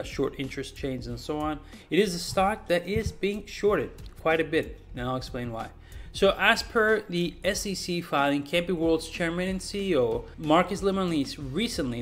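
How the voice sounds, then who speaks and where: Chatty emphatic man in his forties. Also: a little high. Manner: chatty, emphatic, repeats himself for stress. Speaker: stock market YouTuber. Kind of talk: casual stock analysis commentary. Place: small room indoors.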